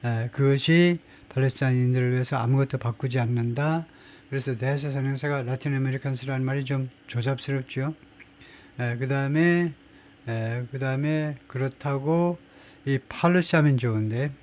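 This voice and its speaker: A man's voice: mid-range voice, steady tone, normal speed, a little mellow. Middle-aged guy teaching english grammar, emphatic, explains every rule, reads english examples. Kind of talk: grammar lecture.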